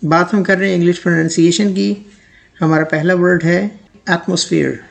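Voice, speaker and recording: A man teaching English pronunciation, speaking slowly and deliberately on the model words and example sentences. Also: high-pitched, fairly even intonation, gravelly.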